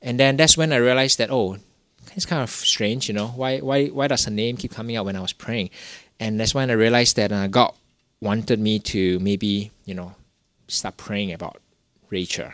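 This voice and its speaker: A young man from Singapore, appearing as a guest, tells a personal story as casual testimony, rambling with many "you know" fillers and restarts. His voice is fairly low, at normal speed, with no echo.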